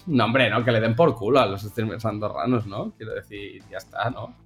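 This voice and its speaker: A man's voice: lowish voice, fairly quick, faint music behind. Sarcastic Spain Spanish man joking around. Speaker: podcast co-host. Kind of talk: casual chat.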